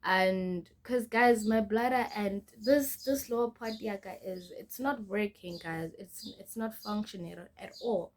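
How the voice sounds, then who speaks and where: A woman's voice: medium pitch, unhurried, few pauses. A young woman telling her life story in a casual vlog, chatty and often turning to her viewers. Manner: chatty, mixes in local phrases, often addresses the viewers. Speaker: vlogger.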